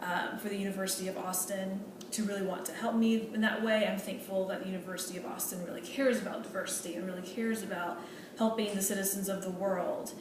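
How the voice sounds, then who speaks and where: A woman speaks fast in a steady, medium-pitched voice that is lightly acted, portraying an earnest female medical student in a role-play meeting. Her manner is polite and hesitant, with many fillers and restarts. An echoey room, distant mic and noise mark the recording.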